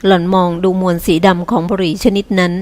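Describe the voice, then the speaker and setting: A woman reading a novel aloud as an audiobook narrator, in a steady, even manner. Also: on the low side, quick pace.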